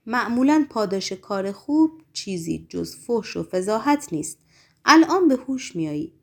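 A woman's voice: medium pitch, sing-song, gravelly. A woman voicing a menacing, bony-handed male demon henchman who speaks bluntly and commandingly in a storybook reading. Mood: brusque.

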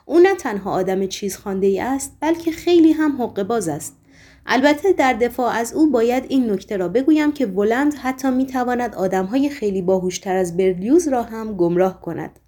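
A woman voicing a weary, sorrowful man who speaks calmly, earnestly and apologetically. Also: fairly high pitch, natural voice. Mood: calm, sad.

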